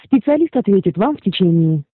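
Give me a recorded automated announcer on a bank phone line, with a flat scripted delivery. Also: mid-range voice, brisk, background noise. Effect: automated phone-menu greeting over a line. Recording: tinny phone line with hold music.

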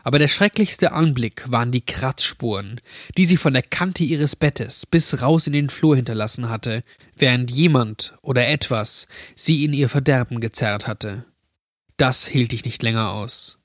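A man calmly narrating a scripted horror story, recorded close to the mic. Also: mid-range voice, a little slow, no room sound.

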